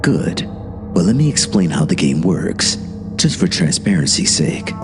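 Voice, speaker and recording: A man voicing a smug, deliberate male devil who lectures in a monotone, in a horror story reading. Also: sits low. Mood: smug lecturing. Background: music.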